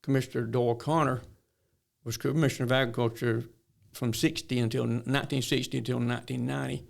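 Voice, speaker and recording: A man's voice: medium pitch, level tone, quick pace, gravelly. An older man from north Florida with a rural Southern drawl, telling stories in a folksy way as an interview guest. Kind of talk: storytelling interview talk.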